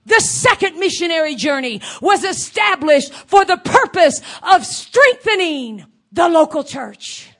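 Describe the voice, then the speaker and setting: A woman with a high voice delivers an evangelical sermon in the manner of a fervent preacher. She stresses her points emphatically and repeats key phrases to drive them home. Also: big pitch swings, measured pace, few pauses, fairly bright tone.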